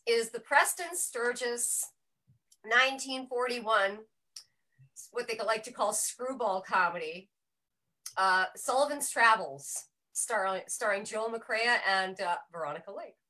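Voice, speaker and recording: A woman with a bright, forward voice talks casually about an old film to a small group. She explains background at length, often correcting herself mid-sentence. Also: on the high side, slow, rough recording. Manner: chatty, explanatory, self-correcting. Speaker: panel member presenting a film pick. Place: small room with a group around one mic.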